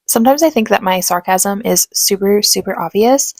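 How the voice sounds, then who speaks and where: A woman giving relaxed voice-over commentary on her painting tutorial, chatty and self-aware. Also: medium pitch, moderate pace, no room sound. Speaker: art tutorial host.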